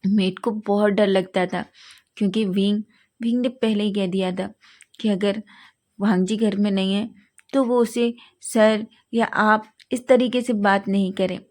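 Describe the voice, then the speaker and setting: A woman's voice: mid-range voice, fairly even intonation, unhurried, darkish tone. A woman narrating a fanfiction love story, often stumbling and correcting herself mid-sentence. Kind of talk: storytelling reading.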